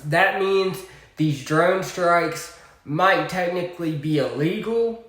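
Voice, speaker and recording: A man with a Southern US accent giving a political commentary monologue, deliberate, with sarcastic asides. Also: sits high, fairly bright tone, reverberant.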